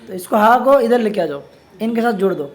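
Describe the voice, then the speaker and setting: A man teaching a religious studies lesson on scripture grammar. He constantly puts questions to his students and answers them himself, reads Arabic passages slowly, and adds casual teasing asides. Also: sits high, lively intonation.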